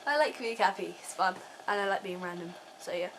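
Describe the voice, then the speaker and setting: A woman's voice: fairly low pitch, brisk, a bit bright, slight background noise, rough recording. A teenage girl ranting casually in a vlog from her bed, rambling with lots of ums. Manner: rambling, filler-heavy, frequent ums. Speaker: vlogger.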